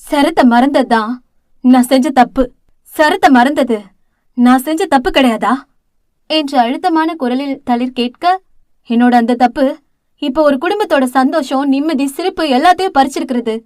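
A woman's voice: sits high, fairly quick, darkish tone, dry recording, clean studio sound, natural voice. A woman voicing a guilt-ridden young elder sister in an audio novel, speaking tearfully and blaming herself. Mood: anguished. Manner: tearful, pleading, self-blaming.

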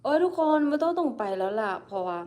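A woman's voice: on the high side, very animated, fast, darkish tone. A young woman whose first language is Akha, chatting casually and laughing as she hosts her own livestream. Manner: chatty, giggly, unashamed, calls herself by name. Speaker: livestream host.

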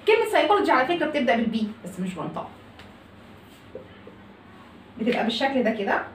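Lively high-voiced Egyptian woman teaching. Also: rapid-fire, a little hiss or hum. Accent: Egyptian Arabic. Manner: animated, asks and answers her own questions. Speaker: English pronunciation teacher. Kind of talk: lively video lesson. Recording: echoey room, mic at a distance.

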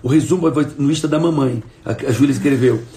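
A man's voice: medium pitch, brisk, warm tone. A middle-aged man teaching in a live stream, emphatic and repeating his phrases while he asks viewers to respond. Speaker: coach and live-stream host.

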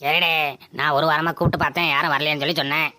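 An actor playing a bossy, gruff village landlord who scolds his workers. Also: mid-range voice, flat delivery, racing, bright, forceful tone, dry recording, close to an everyday voice. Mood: placating. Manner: scolding, commanding. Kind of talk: village comedy skit.

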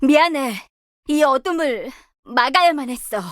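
A woman's voice: sits high, animated, measured pace, fairly bright tone, dry recording, studio quality. A woman voicing a confident young female star guardian warrior who leads her team, delivering game voice lines with bold, commanding quips. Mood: determined. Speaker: voice actress. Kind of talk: video game character voice lines.

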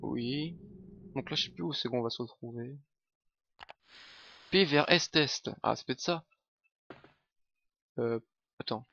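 Playing a video game on stream, a man comments in an unhurried, medium-pitched voice with vocal fry, a sharp tone and long pauses. He's chatty, mutters to himself and swears a lot, over slightly dull lo-fi audio with faint game music and some background noise.

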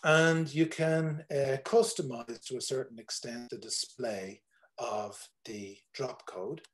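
On a video call from his home, a forties-aged tour operator from Ireland rambles casually, restarting often and leaning on fillers. His medium-pitched voice stays fairly even, and he takes his time.

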